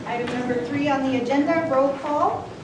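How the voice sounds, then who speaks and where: High-voiced woman chairing, courtroom-style hall recording. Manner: brisk, formal procedural. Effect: distant courtroom-style hall recording. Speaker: school board president. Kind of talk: chairing a public meeting. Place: large public meeting hall. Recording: far-off echoey hall mic with crowd noise.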